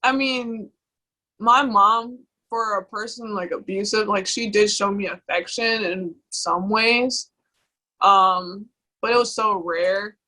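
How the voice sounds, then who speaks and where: Bright-voiced young woman talking candidly. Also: medium pitch, steady tone, rough recording. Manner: halting, many fillers and restarts. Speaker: guest. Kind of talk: candid personal conversation.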